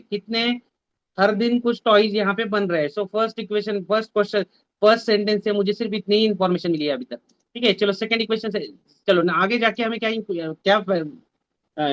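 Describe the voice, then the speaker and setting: A man's voice: sits high, a bit bright, no room sound. Male online math teacher, video call, muffled dry audio, mixes Hindi and English, repeats himself. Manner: mixes Hindi and English, repeats instructions, scolds students to mute mics. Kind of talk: online class lecture.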